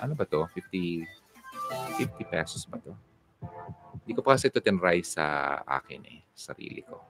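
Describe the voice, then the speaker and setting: A man hosting a casual livestream, answering viewer comments and giving relationship advice in a chatty, teasing way. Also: low voice. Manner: chatty, teasing, animated, switches into English.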